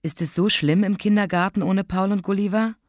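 A woman voicing a patient young mother who answers calmly and teases gently. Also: medium pitch, brisk, no echo, clean studio sound, close to an everyday voice. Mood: gentle. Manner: calm, matter-of-fact, gently teasing.

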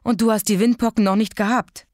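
A woman voicing a patient young mother who answers calmly and teases gently. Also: on the high side, brisk, no room sound, studio quality, voice pushed up, close to an everyday voice. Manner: calm, matter-of-fact, gently teasing.

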